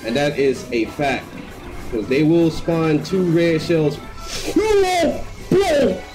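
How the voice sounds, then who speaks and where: A man giving live gameplay commentary as a streamer, slangy and excitable, breaking into screams. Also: a little high, slow, rough recording. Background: game music.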